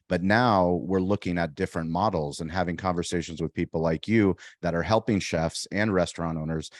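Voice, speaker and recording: A man hosts an interview with a very low, deep voice and a hype-style, energetic delivery. The recording is dry, with no room sound around him. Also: no echo. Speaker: show host and restaurant owner. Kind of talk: interview hosting.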